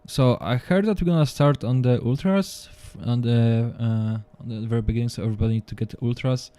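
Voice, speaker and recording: A Polish-born man calls a sim racing session live in non-native English, his voice medium in pitch and dark in tone, with no room sound. He halts often, repeats words, restarts sentences, and sounds apologetic throughout this esports race commentary.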